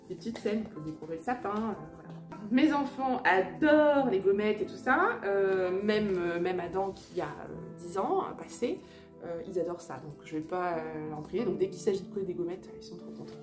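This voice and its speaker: A woman chats at home beside a fireplace, hesitant and full of fillers as she shows her books. Her voice sits at a middling pitch in a roomy, echoing space, with faint music playing behind her. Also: normal speed. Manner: hesitant, many fillers and restarts. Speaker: vlogger and mother sharing children's books. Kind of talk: casual show-and-tell chat. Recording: roomy echo.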